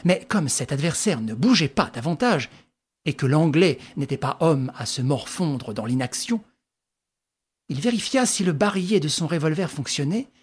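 A woman reading a classic adventure novel aloud as scripted narration, telling it dramatically with lively rises. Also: low voice, slightly rough. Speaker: audiobook reader.

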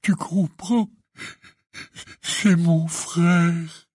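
A man's voice: mid-range voice, takes it slowly, darkish tone, dry recording, studio quality. A man voicing a huge, anxious, tender-hearted half-giant in an audiobook, stammering and pleading. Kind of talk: audiobook character reading.

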